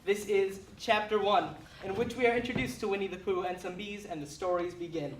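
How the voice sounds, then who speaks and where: A reader performing a children's book aloud for a small audience, quick and giggly, laughing between lines. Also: mid-range voice, fairly even intonation, a little hiss or hum. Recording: echoey room, voice from far off.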